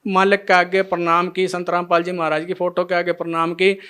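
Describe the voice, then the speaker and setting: High-voiced man telling his testimony. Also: completely flat delivery, fairly quick, bright, forceful tone, clean tone. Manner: retells scenes by acting out every line of dialogue. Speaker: devotee sharing a testimony. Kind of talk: emotional spoken testimony.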